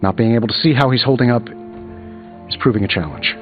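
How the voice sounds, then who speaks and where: In quippy video game banter, a man plays a cocky, wisecracking genius inventor superhero, delivering his lines glibly and sarcastically with a concerned, wry mood. His voice is medium-pitched, fast, and close to an everyday voice, and the recording sounds muffled with faint music behind.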